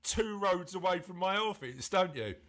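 A middle-aged English-accented man hosts in a casual, conversational way. His voice sits a little higher than most men's. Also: animated, normal speed, a crowd in the background. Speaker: podcast host. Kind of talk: casual presenting and chat.

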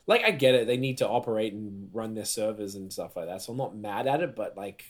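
A man's voice: on the low side, animated, brisk. A man hosting a podcast in casual chat, rambling and slangy, often hunting for words. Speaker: podcast host.

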